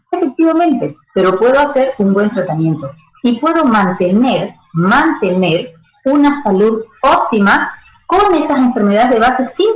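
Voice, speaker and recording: A woman's voice: medium pitch, darkish tone, roomy sound, poor audio. A woman giving expert advice as a radio interview guest, explaining with everyday analogies. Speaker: stress management educator.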